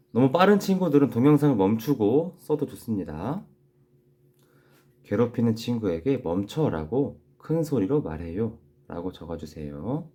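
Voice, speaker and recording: A man teaching young children in a recorded class, gently repeating key phrases slowly so they can write them down. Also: fairly low pitch. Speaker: elementary school teacher.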